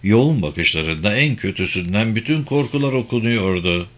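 A man narrating a thriller audiobook in a steady, measured reading. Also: on the low side.

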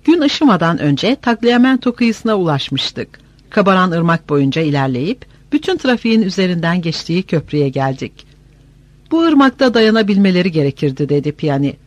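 A man narrating an audiobook in a steady, measured way. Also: fairly high pitch, dry recording. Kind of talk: scripted narration.

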